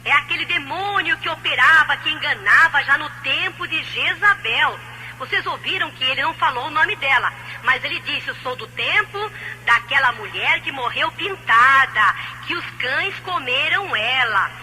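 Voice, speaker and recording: A woman's voice: high-pitched, expressive, moderate pace, sharp tone, low-quality recording. A Brazilian woman teaching a Bible study in an insistent, admonishing manner, on an old dubbed cassette tape. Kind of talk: religious teaching, exhorting. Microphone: recorded on cassette. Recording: old cassette tape dub copy, hiss, hum.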